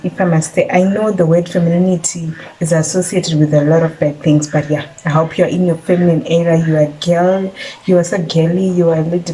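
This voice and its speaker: A young woman from Zimbabwe talks casually to her viewers, calling them besties and leaning on "so yeah" between thoughts. Her voice is fairly low and mellow, with a slight lisp from a painful jaw after a tooth extraction. A faint background hum sits under the talk. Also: rough recording. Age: 20s. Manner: chatty, repeats "so yeah", addresses viewers as besties. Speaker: vlogger. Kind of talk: casual vlog talk to camera. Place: rural home.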